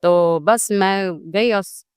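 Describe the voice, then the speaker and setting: A woman telling a personal story to an interviewer, acting out each side of the conversation as she goes. Her voice is smooth and clear at a middle pitch. The recording is dry and close, with no room sound. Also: extremely slow, dry recording. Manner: animated storytelling, acts out dialogue. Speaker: guest devotee.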